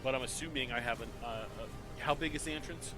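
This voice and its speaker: Male tabletop player over clear music. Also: mid-range voice, fast talker, pushed and bright. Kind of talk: casual game talk.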